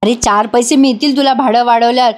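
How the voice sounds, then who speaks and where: A woman's voice: on the high side, fairly even intonation, fast, lightly acted. A woman reading a coaxing, scheming aunt. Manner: hushed, coaxing. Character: scheming middle-aged aunt.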